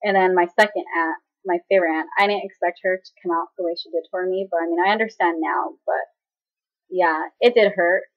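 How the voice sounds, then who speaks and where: A woman's voice: fairly low pitch, steady tone, a little fast. A young woman chattily retelling a personal story in a casual vlog, acting out what others said. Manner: chatty, dramatic retelling with quoted voices and laughs. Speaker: vlogger. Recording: slightly dull lo-fi audio.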